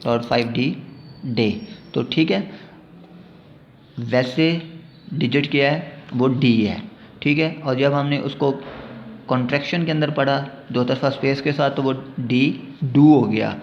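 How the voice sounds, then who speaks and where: Gravelly man teaching with Pakistani accent. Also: mid-range voice. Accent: Pakistani Urdu. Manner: explains step by step, often checks in with a quick "theek hai". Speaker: braille teacher. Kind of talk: spoken lesson. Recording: dull lo-fi recording with faint noise.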